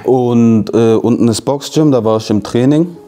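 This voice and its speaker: A nineteen-year-old man, an interview guest, talking in a relaxed, casual way with everyday slang in a youth centre lounge. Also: mid-range voice, moderate pace. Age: teens.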